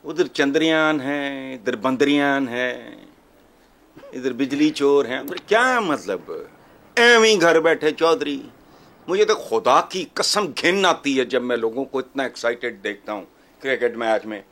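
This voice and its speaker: A man's voice: medium pitch, lively intonation, measured pace, fairly bright tone. An older man giving heated, sarcastic political commentary on a TV talk panel, speaking with scorn and heavy emphasis.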